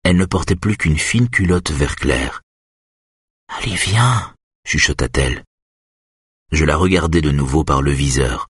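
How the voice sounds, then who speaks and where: A man narrating a literary novel in the first person, with a calm, measured reading. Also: deep voice, husky, dry recording, clean studio sound. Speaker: audiobook narrator.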